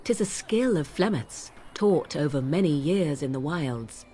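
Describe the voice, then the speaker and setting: A woman's voice: low voice, expressive, unhurried, dark tone, a little hiss or hum. An actress playing an aloof, sardonic young witch and shapechanger, speaking in haughty, formal, archaic phrasing in video game dialogue. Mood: lofty.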